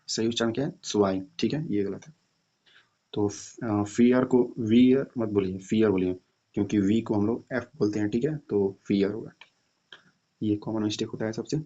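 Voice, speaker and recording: A man's voice: on the low side, dark tone. Man teaching, dull lo-fi sound. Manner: repeats "ठीक है" often, slow drilled repetitions. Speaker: German language teacher. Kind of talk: explaining language lesson.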